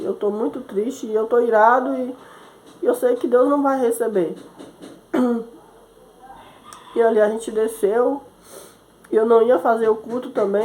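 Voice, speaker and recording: A woman's voice: mid-range voice, warm tone. A woman missionary, telling a personal testimony as a sermon, acting out the voices of the people in her story and often adding "né?". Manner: storytelling, quoting others, frequent "né?". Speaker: missionary preacher.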